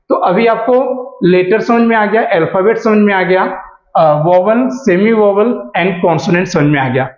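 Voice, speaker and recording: A man teaching a beginners' English pronunciation lesson. He asks rhetorical questions and answers them himself, and he draws example words out slowly. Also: high-pitched. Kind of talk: classroom-style lesson explaining pronunciation. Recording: echoey room, dull lo-fi sound.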